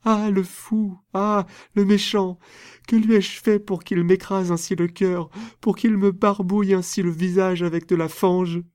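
A man's voice: sits high, fairly even intonation, unhurried, a little mellow, no echo, studio quality, voice pushed up. A man reading aloud voices a proud, passionate young woman in a storybook, with an impassioned, theatrical delivery. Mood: furious.

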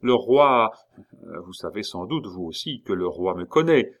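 A man voicing an eager, apologetic male gate officer in an audiobook, speaking higher and louder than his narration. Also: lively intonation. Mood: fawning. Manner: apologetic, fussy, hurried. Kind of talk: audiobook character reading.

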